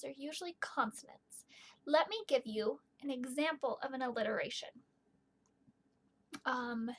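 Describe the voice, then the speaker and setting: A woman's voice: high-pitched, a bit bright. A woman in her thirties teaching young children in a broad singsong, explaining simply and stressing sounds as she goes. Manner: simple explanations with emphasized, repeated sounds and questions. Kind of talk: children's poetry lesson with read-aloud.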